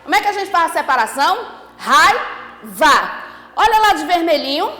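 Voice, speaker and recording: A woman teacher giving an online class, lively, asking the class questions and repeating key points. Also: very high voice, moderate pace, roomy sound, big-room sound.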